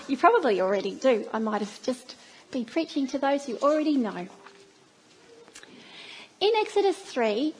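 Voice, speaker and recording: A middle-aged Australian woman preaches a sermon in a church, her voice high and slightly rough. She tells stories warmly, sprinkling in playful asides.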